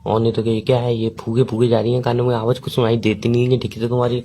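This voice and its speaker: A man's voice: medium pitch, monotone, fast talker, mellow, a little hiss or hum. Exasperated man in a comedy phone sketch. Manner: exasperated, teasing complaints.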